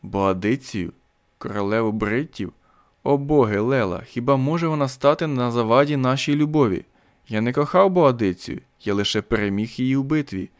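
A man voicing a desperate Roman ruler in an audiobook, speaking in a hoarse, pleading voice. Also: mid-range voice, moderate pace, no room sound, clean studio sound, close to an everyday voice.

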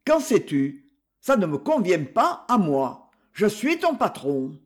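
A man's voice: sits high, very animated, takes it slowly, full character voice. A man reading aloud and voicing an indignant, fussy middle-aged master who scolds his servant in a storybook. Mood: scolding. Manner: nagging, indignant.

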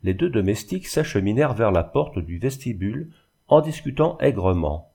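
Dark-voiced male audiobook narrator. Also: lowish voice, very animated, normal speed, creaky, breathy edge. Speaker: audiobook reader. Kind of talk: scripted narration of a novel.

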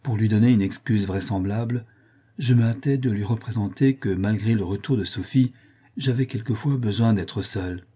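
Deep, husky male audiobook narrator. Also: moderate pace, mellow. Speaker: audiobook reader. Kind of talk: first-person novel narration.

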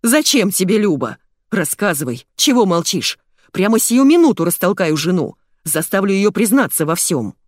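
A hysterical businessman rants and yells over the phone, as a female audiobook reader puts him on. His voice leaps around in pitch. The recording is dry and close. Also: lively intonation, moderate pace, no echo. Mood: furious. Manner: yelling, ranting on the phone. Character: hysterical shouting middle-aged businessman. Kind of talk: audiobook character voice.

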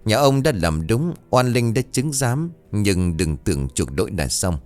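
A man's voice: on the low side, sing-song, measured pace, darkish tone, soft background music. A man voicing a stern old ritual master who speaks in a solemn, incantatory way.

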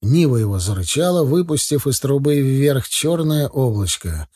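Husky, dark-voiced male audiobook narrator. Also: mid-range voice, moderate pace, no room sound, studio quality. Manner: steady storytelling, first person.

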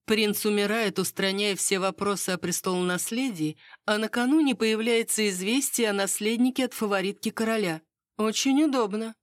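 A woman reading the part of a knowing court lady who passes on rumors in a hushed, conspiratorial, bitter way. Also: medium pitch, normal speed, no room sound, clean studio sound, voice pushed up, natural voice.

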